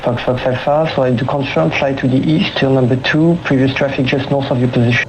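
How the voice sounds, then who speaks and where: A man's voice: steady tone, moderate pace, darkish tone. Male air traffic controller on noisy radio. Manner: procedural phrasing, clipped instructions. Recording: noisy aviation radio, vehicle rumble.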